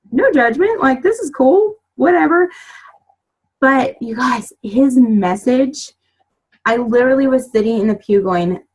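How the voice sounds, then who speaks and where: A woman in her thirties telling a lively personal story to her team in a casual, chatty way, full of fillers and little acted-out asides. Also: medium pitch, breathy edge, rough recording. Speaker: team leader giving a motivational talk.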